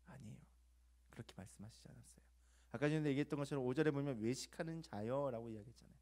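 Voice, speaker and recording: Man preaching casually with sudden outbursts. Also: on the high side. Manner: conversational, confessional storytelling with rhetorical questions; acts out quoted voices with sudden loud outbursts. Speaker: youth pastor. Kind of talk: sermon to teenagers.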